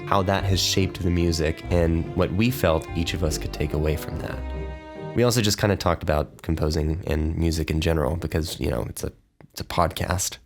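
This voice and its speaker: A man hosting a podcast, narrating a scripted intro and then chatting easily with a guest. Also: low-pitched. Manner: easygoing, conversational. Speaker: podcast host and interviewer.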